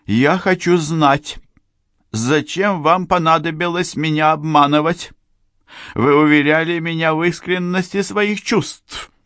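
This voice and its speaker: A man voicing an indignant, theatrical society woman who scolds in a raised, shrill tone. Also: measured pace, a bit bright, dry recording, clean studio sound.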